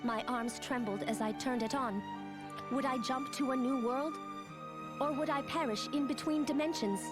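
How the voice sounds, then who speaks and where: A woman's voice: sits high, moderate pace, close to an everyday voice. A woman voicing a guilt-ridden young female android in a video game, with a formal, robotic delivery. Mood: remorseful. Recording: game audio with music behind. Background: game background music.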